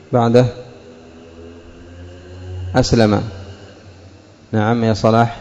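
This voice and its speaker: A man teaching a grammar class, calling on students and repeating each example slowly. His voice is mellow and dark, and a long reverb hangs on it from the classroom. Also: medium pitch, muffled recording. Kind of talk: classroom lesson with questions to students.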